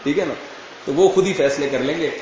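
A man delivers a religious lecture in a chatty, explaining way, stopping to ask if his listeners follow. His voice sits a little high and comes from a distance, dulled and ringing through a large echoing hall with a faint hiss underneath. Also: darkish tone. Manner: conversational, checks understanding with rhetorical questions. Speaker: Islamic scholar. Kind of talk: religious lecture answering questions. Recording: echoey hall, far from dull mic, faint noise.

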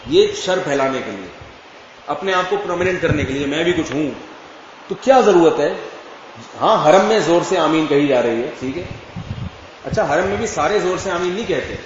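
A man delivers a religious lecture in a chatty, explaining way, stopping to ask if his listeners follow. His voice sits a little high and comes from a distance, dulled and ringing through a large echoing hall with a faint hiss underneath. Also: lively intonation, pauses often. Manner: conversational, checks understanding with rhetorical questions. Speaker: Islamic scholar. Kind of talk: religious lecture answering questions. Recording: echoey hall, far from dull mic, faint noise.

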